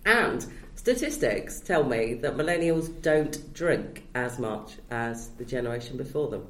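A woman's voice: very deep voice, animated, a little slow. A woman in her forties hosting a podcast interview, chatty and self-deprecating, laughing easily. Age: 40s. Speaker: podcast host. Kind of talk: casual interview chat. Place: comedy venue. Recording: echoey room.

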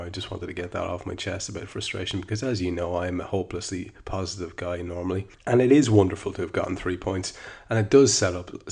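A man's voice: sits low, gravelly, a little mellow. A man hosting a podcast, reading his own column aloud and then talking it over in a wry, wordy, candid way. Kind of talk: column reading and casual commentary.

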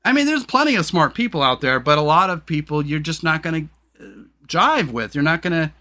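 Speaking a little fast in a sharp, expressive, deep voice, a man hosts a laid-back podcast chat. He's blunt and profane, wandering off topic with frequent fillers.

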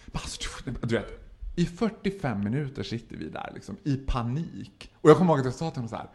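Animated man telling a wild story. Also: mid-range voice, vocal fry, a little hiss or hum. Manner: animated, laughing, acts out quoted voices. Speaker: podcast storyteller. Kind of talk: casual storytelling chat.

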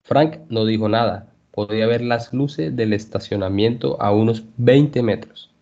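A male language teacher reading a story aloud for learners, clear and measured. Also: medium pitch, warm tone. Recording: dull lo-fi podcast audio.

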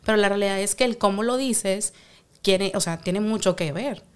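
Mexican woman, lively storyteller, chatting casually with her partner. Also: medium pitch, moderate pace, clear, resonant tone. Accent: Mexican Spanish. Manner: animated storyteller, acts out quotes. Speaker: co-host talking with her partner. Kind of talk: casual conversation.

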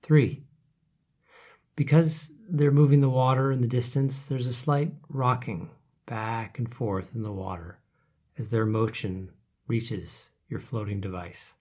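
A man leading a guided relaxation meditation, speaking softly and calmly, his phrases trailing off into whispers. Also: medium pitch, a little slow, husky. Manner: soft, calm, trailing off to whispers.

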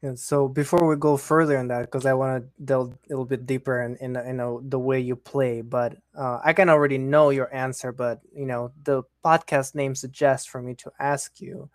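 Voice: mid-range voice, steady tone, normal speed, hardly any pauses, no echo, clean studio sound. A podcast host in a casual interview, curious and leading with questions.

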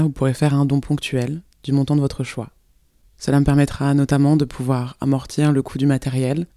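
A woman hosting a podcast, reading a calm, measured scripted intro. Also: extremely low pitch, dry recording, clean studio sound. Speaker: podcast host.

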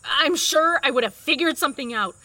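A woman's voice: sits high, fairly quick, pushed and bright, no echo, low-quality recording. An actress playing a feisty, blunt but tender woman in love in an audio drama. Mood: exasperated, upset.

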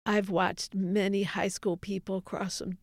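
A middle-aged woman speaks earnestly and reflectively as an interview guest. Her voice has a gravelly edge at a mid pitch. The sound is dry and close. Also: little pitch movement, measured pace, dry recording. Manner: earnest, reflective, quotes others in dialogue. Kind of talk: candid faith testimony.

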